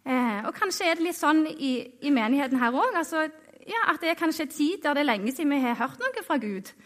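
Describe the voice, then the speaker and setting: A woman delivers a sermon to her own congregation in a high, light voice. She talks hesitantly, often pausing on fillers and restarting her sentences. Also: very animated, a bit bright. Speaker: lay preacher.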